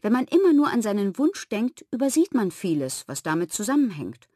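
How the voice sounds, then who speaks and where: A woman voicing a calm, patient father in a children's storybook, explaining things gently. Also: mid-range voice, a little fast, no echo, clean studio sound.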